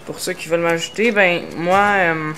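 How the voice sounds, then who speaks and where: A man's voice: high-pitched, fairly even intonation, normal speed, background noise. Québécois gamer dude intro-ing his channel, lots of euh and restarts, trying hard to articulate. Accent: Québécois French. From Quebec, Canada. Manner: hesitant, many filler sounds and restarts; tries to articulate carefully. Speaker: gaming YouTuber. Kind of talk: casual channel introduction over gameplay.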